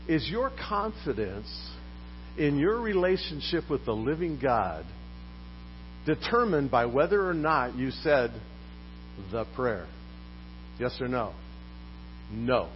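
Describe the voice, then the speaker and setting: A man's voice: medium pitch, slow, long pauses. A man preaches in a church, his voice swinging up and down as he quizzes the congregation. The recording is dull and a faint electrical hum sits underneath. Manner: lively, poses questions to the congregation. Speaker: pastor. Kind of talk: sermon.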